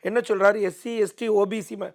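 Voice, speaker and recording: High-pitched, gravelly man arguing politics. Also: fairly even intonation, brisk. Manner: emphatic, oratorical, repeats phrases for effect. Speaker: political commentator, debate guest. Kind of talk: political argument in an interview.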